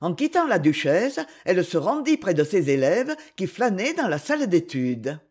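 A woman narrating a classic French novel as an audiobook, with an expressive reading. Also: lowish voice, moderate pace, husky.

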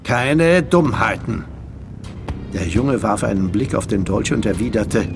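A man reading an audiobook in slow, expressive narration. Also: fairly low pitch, creaky, over music. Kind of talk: scripted narration.

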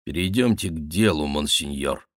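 A man's voice: extremely low pitch, moderate pace, fairly bright tone, no room sound, studio quality. A man voicing a sick, sullen nobleman in an audiobook, speaking tersely and coldly in a muttered tone. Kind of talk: audiobook reading.

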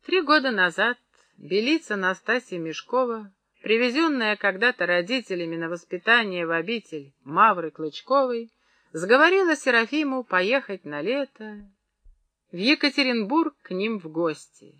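A woman reading a novel aloud in an even, measured narration. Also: medium pitch, dry recording. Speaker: audiobook narrator. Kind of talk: scripted narration.

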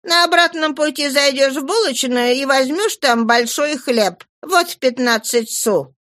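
A woman voicing a harsh, bossy middle-aged innkeeper woman who scolds a child in a shrill voice. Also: unhurried, fairly bright tone, no room sound, studio quality. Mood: scolding.

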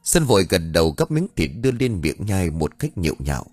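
A man's voice: sits low, big pitch swings, brisk, a little mellow, slightly rough, dry recording, soft background music. A man reading a horror story aloud as an audiobook narrator, telling it in a dramatic way.

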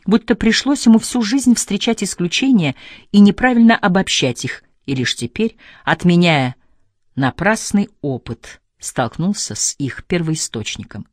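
A woman narrating a literary novel in a measured, thoughtful manner, slowing on key phrases. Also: lowish voice, animated, dry recording, studio quality. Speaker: audiobook narrator. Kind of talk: scripted narration.

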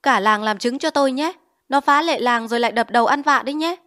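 A woman's voice: fairly high pitch, fairly quick, a bit bright, natural voice. A woman voicing a hot-tempered male village chief, blustering and giving orders in a storybook reading. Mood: angry.

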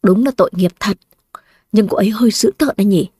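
A woman's voice: medium pitch, fast talker, mellow, husky, no room sound, studio quality, lightly acted. A woman storyteller voicing a jumpy, flustered young man who panics and complains easily. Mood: gossipy.

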